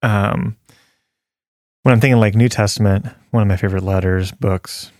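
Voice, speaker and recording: A man's voice: fairly low pitch, moderate pace, no echo. Earnest man, dry close sound. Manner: relaxed and earnest, laughs easily, many fillers. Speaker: podcast co-host sharing a devotional. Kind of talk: casual faith conversation with Bible reading.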